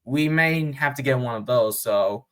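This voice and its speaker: A man hosting a sports fan vlog, thinking aloud in casual, unscripted commentary with pauses and fillers. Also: medium pitch, fairly bright tone. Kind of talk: casual mock draft commentary.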